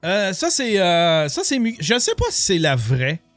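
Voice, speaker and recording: A fairly high-voiced man with a Québécois accent talks loosely through a live stream, halting on fillers and starting over as he reads from the screen. Faint music plays under his voice the whole time. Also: wildly swooping pitch, fairly bright tone, no room sound. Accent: Québécois French. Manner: chatty, thinks aloud with many fillers and restarts. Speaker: streamer reacting to videos and chat. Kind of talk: casual live-stream commentary.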